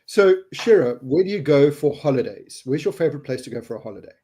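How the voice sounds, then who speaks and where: A man's voice: medium pitch, animated, quick pace, dark tone, a little hiss or hum. A middle-aged man hosting a casual live webinar, joking and laughing, sometimes stumbling over repeated words. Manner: jokey, laughing, repeats words when flustered. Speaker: host.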